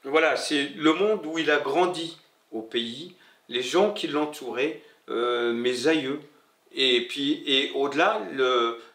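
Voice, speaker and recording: Seated in a bare-walled indoor room, a middle-aged man from Morocco tells his personal story as an interviewee; he's a bookseller who picked up French later, after moving to France. He speaks haltingly, pausing and repeating while hunting for words, in a mid-range, slightly bright voice. The slightly distant mic captures a roomy echo.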